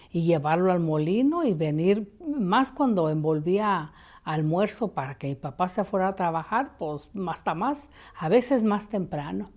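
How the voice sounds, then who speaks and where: A woman's voice: on the low side, a little mellow. A woman telling a story from her family in a casual, rambling way, full of fillers, sometimes taking on her mother's voice.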